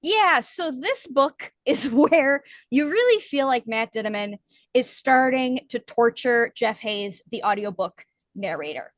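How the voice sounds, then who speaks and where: A woman co-hosting a book podcast in casual chat, explaining points at length with lively emphasis. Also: sits high, unhurried, no echo. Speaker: podcast co-host.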